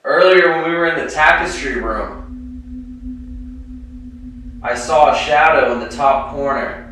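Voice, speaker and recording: A man's voice: a little high, measured pace, bright, forceful tone, slight background noise. A man investigating the paranormal in a vlog, putting questions to spirits in an old hall. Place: large echoey indoor room of old hall. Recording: echoey room, distant mic, music underneath.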